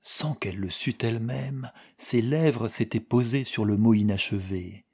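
A man narrating an audiobook in a measured, expressive way. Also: on the low side, breathy edge. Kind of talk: audiobook reading.

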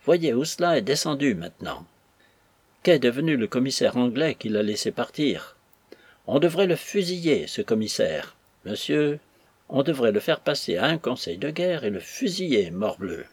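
A man voicing a ruined, furious old merchant in an audiobook, ranting bitterly with a husky voice. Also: medium pitch, very animated, moderate pace, no echo. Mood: angry. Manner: ranting, bitter, raising his voice. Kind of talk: audiobook character voice.

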